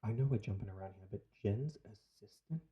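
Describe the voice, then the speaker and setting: The audio is dull, with a crowd audible behind this man's fairly low, slightly quick voice. He co-hosts a casual podcast in a New Zealand accent, switching topics often and cursing as he goes.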